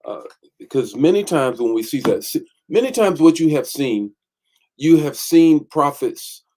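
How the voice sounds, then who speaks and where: A man's voice: a little high, expressive, a little slow, warm tone. Guy preaching a morning teaching online, greeting folks by name, lots of uhs. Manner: greets viewers by name, many fillers. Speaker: bishop and teacher.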